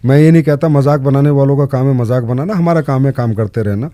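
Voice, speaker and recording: A man's voice: mid-range voice, quick pace, mellow, no echo. A man answering interview questions in an earnest way, stressing points with short repeated commands. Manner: emphatic, lists short commands. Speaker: guest in direct selling.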